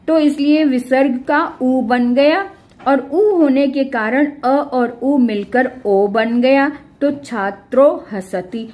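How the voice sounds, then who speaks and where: A woman's voice: sits high, darkish tone. A woman teaching a grammar lesson to students, explaining patiently and checking they follow. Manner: patient, explanatory, checks understanding with tag questions; reads examples out slowly and clearly. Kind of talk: classroom-style grammar lesson.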